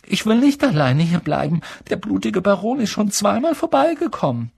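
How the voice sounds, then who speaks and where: A man's voice: high-pitched, normal speed, darkish tone, breathy edge, no room sound, pitched above the performer's own voice. A man voicing a timid, anxious young schoolboy who pleads not to be left alone, in an audiobook reading. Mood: pleading.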